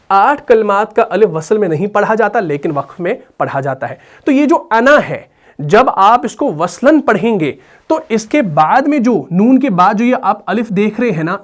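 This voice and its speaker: A man with an Urdu accent teaching Quran reading rules in a patient explanatory lesson, often checking that his students understand. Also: high voice. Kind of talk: explanatory lesson with slow chanted recitation.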